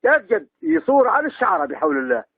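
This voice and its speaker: Husky Algerian man haggling over the phone. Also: sits high, huge pitch swings, quick pace, no echo. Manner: evasive, placating. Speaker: debtor offering used goods instead of money. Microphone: telephone. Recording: tinny, band-limited phone line.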